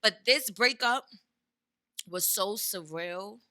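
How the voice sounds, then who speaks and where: A woman rapper from New York, a guest telling a story in casual, slang-heavy chat, talking in quick bursts. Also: medium pitch, bright, forceful tone. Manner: laid-back, street slang, talks in quick bursts.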